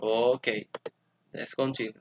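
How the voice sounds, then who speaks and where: A man teaching an English grammar lesson, speaking very slowly and carefully and repeating his examples so students can follow. His voice sits at an ordinary middle pitch, and the recording sounds dull and lo-fi. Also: little pitch movement, a little hiss or hum. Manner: slow, careful explanation switching between Spanish and English.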